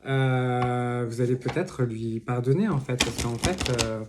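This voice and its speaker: Unhurried and mid-pitched, this man's voice drifts through an informal spoken tarot reading. His talk wanders, full of filler words, side comments and jokes. The home recording is noisy and has clicks in it.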